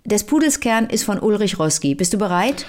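A woman's voice: mid-range voice, lively intonation, a little fast, darkish tone. A woman co-hosting a casual talk show, chatting and reciting long comic song lyrics.

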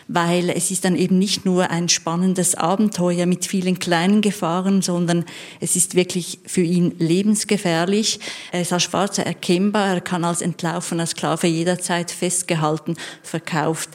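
A woman explaining a novel in a matter-of-fact way in a radio book discussion. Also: on the low side. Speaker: book critic.

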